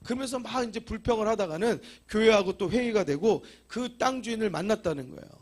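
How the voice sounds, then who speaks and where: A man's voice: high voice, a little fast, darkish tone. A man preaching a sermon as pastor, telling a story with emphatic exhortations. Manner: storytelling with acted quotes.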